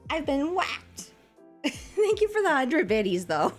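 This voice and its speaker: Faint music plays as a twenty-something VTuber chats casually with her live-stream viewers, rambling and giggling with plenty of fillers. She takes it slowly in a sing-song way, using a put-on lighter, feminized voice above her own low one.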